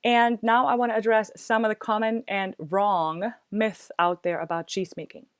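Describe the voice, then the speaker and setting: A woman's voice: mid-range voice, fairly even intonation, moderate pace, clear, resonant tone, no room sound. Middle-aged woman teacher, eager and chatty, resonant voice, dry recording. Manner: chatty and enthusiastic. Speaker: homesteader and cheese making teacher. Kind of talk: casual talk to camera.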